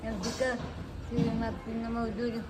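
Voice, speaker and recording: An elderly woman, giving halting, plaintive answers outdoors. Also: fairly high pitch, monotone, over music. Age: older. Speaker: elderly villager. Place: outdoors in a village.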